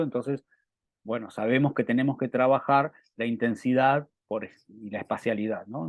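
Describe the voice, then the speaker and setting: A man with a Rioplatense Spanish accent giving a university lecture, halting with many restarts and fillers. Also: medium pitch, dry recording, narrow, tinny audio.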